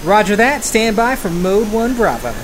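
A woman voicing a steady, official mission control announcer in a space re-enactment, clipped and procedural. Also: medium pitch, moderate pace, background noise, close to an everyday voice.

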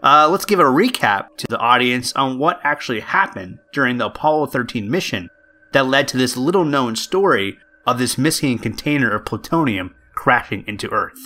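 A man's voice: medium pitch, animated, normal speed, pushed and bright. A man hosting a podcast in a casual storytelling style, hesitant and jokey, often correcting himself. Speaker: podcast host.

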